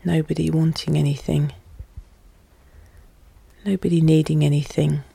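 A podcast host guiding relaxation in a calm, soothing, soft and hushed voice, with measured, deliberate phrasing. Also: medium pitch, vocal fry, husky, dry recording. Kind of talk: slow, soothing guided hypnosis narration.

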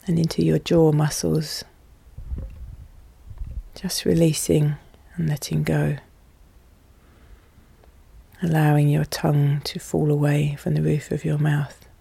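A podcast host guiding relaxation in a calm, soothing, soft and hushed voice, with measured, deliberate phrasing. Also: mid-range voice, gravelly, husky, dry recording. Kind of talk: slow, soothing guided hypnosis narration.

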